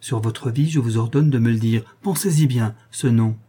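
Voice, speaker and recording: A man's voice: medium pitch, normal speed, mellow, husky, close to an everyday voice. Man reading as a sinister, commanding monk. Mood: menacing. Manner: urgent, demanding questions. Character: sinister brooding male monk, agitated and commanding.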